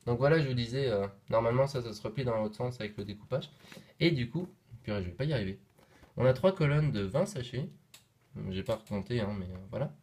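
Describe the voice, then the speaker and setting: A man's voice: medium pitch, animated, quick pace, darkish tone. A young man talking casually while unboxing toys on camera, playful and jokey, rambling with fillers and asides. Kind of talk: casual chat.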